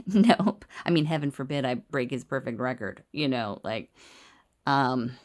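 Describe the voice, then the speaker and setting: A woman speaks into a handheld phone camera in a small clinic room, recording her video diary. Her voice sits very low and she takes her time, talking candidly with a wry edge and sometimes slipping into a whisper. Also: animated, unhurried, a little mellow. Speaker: video diarist. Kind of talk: casual personal video diary.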